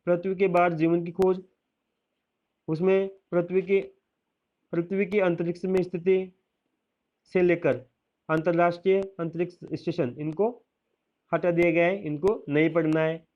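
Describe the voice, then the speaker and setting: High, flat-voiced man teacher. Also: normal speed, pauses often, muffled recording. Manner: steady listing, reassuring asides. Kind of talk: explaining a school syllabus.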